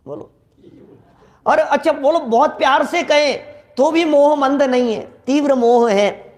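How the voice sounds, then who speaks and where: A man's voice: very high-pitched, unhurried. A man lecturing on scripture in a sermon, speaking straight to his listeners, repeating lines for emphasis and acting out everyday dialogue. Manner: animated, acts out quoted dialogue from daily life.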